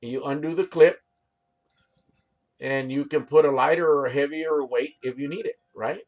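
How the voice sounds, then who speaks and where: A fishing channel host from the United States speaks at normal speed in a slightly high, steady voice. Showing his fishing rigs in a casual demo, he drifts along with fillers and restarts, frequently tossing "right?" at the viewer.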